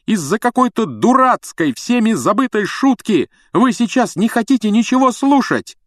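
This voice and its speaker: A man voicing a defiant teenage boy who pleads and shouts in a strained, raised voice. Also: on the high side, lively intonation, brisk, no echo, clean studio sound, voice pushed up. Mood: shouting. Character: defiant teenage boy wizard, brave and desperate.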